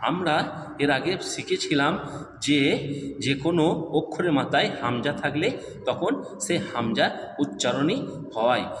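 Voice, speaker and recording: A man teaching Quran reading, chanting letter drills slowly in a sing-song way with a Bengali accent. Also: a little high, expressive. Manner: slow, sing-song repetition of syllables. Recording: echoey room with long reverb, faint background noise.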